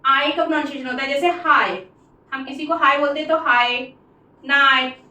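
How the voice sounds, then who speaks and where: A woman with an Indian accent teaching English pronunciation, saying each word slowly and repeating it for the class. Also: high-pitched, fairly even intonation, pushed and bright. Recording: echoey room, voice from far off.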